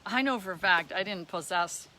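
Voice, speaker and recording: A woman's voice: mid-range voice, moderate pace, sharp tone, a little hiss or hum. A woman mentor running a live-streamed coaching session, chatty with her viewers and counting items aloud under her breath. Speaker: business mentor.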